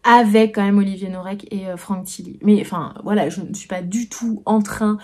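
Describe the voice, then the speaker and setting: A woman's voice: medium pitch, steady tone, moderate pace, a little mellow. Hesitant woman chatting about her books. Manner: hesitant, full of "euh" and restarts, musing aloud. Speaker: book vlogger. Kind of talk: casual chat about received books.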